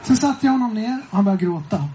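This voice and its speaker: Animated Swedish-speaking preacher telling a story. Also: male voice, high voice, slight background noise, poor audio. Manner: animated, swings between hushed and loud, chuckling. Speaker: preacher and singer. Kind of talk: storytelling testimony to a congregation.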